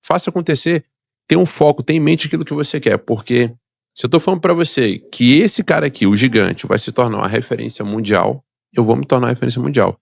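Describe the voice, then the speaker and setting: A man's voice: medium pitch, quick pace, vocal fry, dry recording, clean studio sound. A middle-aged man with a Brazilian Portuguese accent, a podcast guest telling his life story in an emphatic, motivational way and acting out the voices of people in it. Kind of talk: personal storytelling in a podcast interview.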